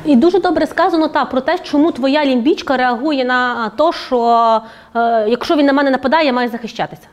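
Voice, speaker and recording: A woman speaker giving a lively conversational lecture at a workshop, often checking in with her audience through tag questions. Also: high voice, brisk. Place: office event room.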